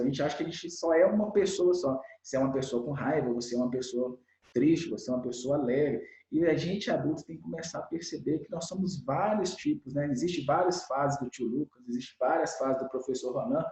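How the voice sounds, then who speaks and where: A man with a Brazilian Portuguese accent, a children's educator being interviewed, explaining in an animated way and acting out the lines of parents and children. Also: fairly high pitch, reverberant, poor audio. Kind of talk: explanatory conversational talk.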